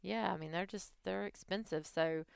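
A woman's voice: fairly low pitch, normal speed, vocal fry, clean tone, dry recording, clean studio sound. A woman in her forties chatting casually, laughing often and saying "like" a lot. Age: 40s. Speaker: employee. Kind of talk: casual chat.

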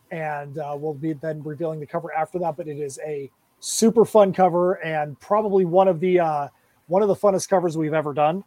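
A man's voice: fairly high pitch, warm tone, no echo. A man who creates comics, chatting casually on a podcast about his project, upbeat and rambling.

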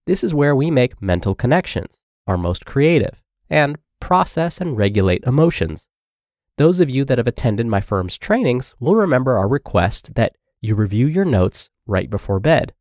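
A man's voice: mid-range voice, big pitch swings, moderate pace, darkish tone, no echo, clean studio sound. A man hosting a health podcast with a congested voice, upbeat as he reads a blog article aloud. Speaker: podcast host and narrator.

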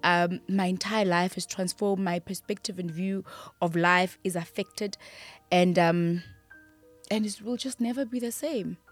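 A young woman, a podcast guest, speaking in a heartfelt, halting way about loss, with soft music underneath. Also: lowish voice, steady tone. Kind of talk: emotional interview.

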